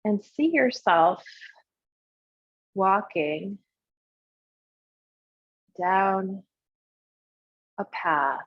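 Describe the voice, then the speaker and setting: A woman serving as a meditation guide leads a guided visualization in short, unhurried instructional phrases separated by pauses, her voice slightly husky. Her pitch is medium and her intonation lively. The recording sounds muffled, roomy and echoey.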